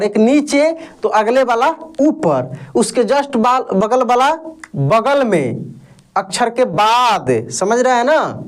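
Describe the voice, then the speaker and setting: A teacher, giving a beginner lesson, who asks the class questions and answers them, and drills letter sounds over and over. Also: medium pitch. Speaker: Hindi reading teacher.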